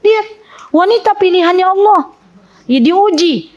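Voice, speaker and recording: Animated high-voiced woman preacher. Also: a little slow, muffled recording. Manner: animated, acts out quoted voices, chatty asides to the audience. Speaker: female religious teacher. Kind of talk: lively sermon to women.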